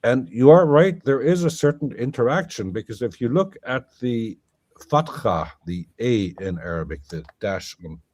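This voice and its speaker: With lively intonation and a normal speed, this medium-pitched, darkish male voice belongs to a guest scholar lecturing in an academic conversation. He thinks out loud, full of fillers, restarts and self-corrections, and there's no echo.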